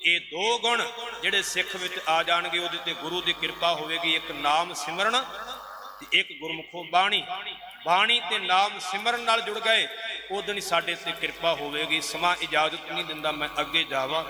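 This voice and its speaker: A young male Sikh preacher with a Punjabi accent and a high, ringing voice. He chants scripture slowly, then explains it with firm emphasis. The voice carries a long reverb, as in a hall. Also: fairly even intonation. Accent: Punjabi (Majha). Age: young adult. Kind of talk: religious discourse with chanted scripture.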